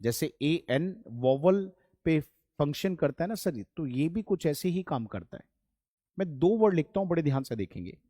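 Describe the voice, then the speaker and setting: A man's voice: fairly high pitch, animated, moderate pace, warm tone, no room sound, studio quality. A man teaching an English grammar lesson, patient and repeating key points while addressing his students as children, with an Indian accent. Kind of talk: classroom-style grammar lesson.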